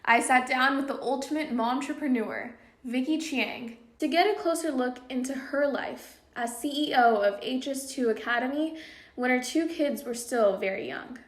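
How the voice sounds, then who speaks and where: A woman's voice: high-pitched, moderate pace. A young woman hosting a podcast, reading a scripted intro and asking interview questions, offering short encouraging replies. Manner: brief encouraging backchannels. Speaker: podcast host.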